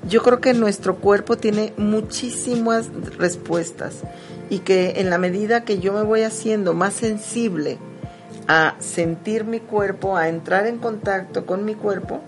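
A woman, hosting a live talk, who explains body awareness in a gentle, reflective way. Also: fairly low pitch, vocal fry. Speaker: host. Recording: music playing behind.

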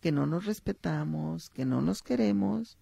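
Brief: middle-aged Mexican psychologist host, heavy vocal fry, dark mellow tone, storytelling manner. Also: female voice, low-pitched, expressive, unhurried, no room sound. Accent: Mexican Spanish. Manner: warm storytelling, acts out short quotes, addresses listeners. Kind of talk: reflective talk on motherhood and stories.

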